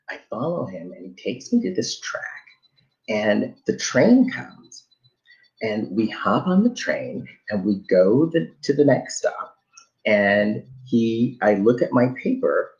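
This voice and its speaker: Animated man telling a comic story. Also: medium pitch, highs cut off. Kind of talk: personal storytelling monologue.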